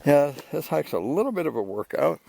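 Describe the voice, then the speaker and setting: Holding his camera as he walks, an older hiking vlogger chats his way up a canyon trail, breathless and easygoing, full of fillers. He sounds high-ish, very animated and a little fast, with a creaky edge. Loud outdoor noise fills the recording.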